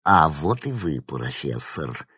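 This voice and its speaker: A man voices a ruthless scientist who threatens with cold, measured calm in an audiobook. The voice is very deep and husky, recorded dry and close. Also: dry recording, full character voice. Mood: sly, mocking. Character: cold, menacing male scientist boss, predatory.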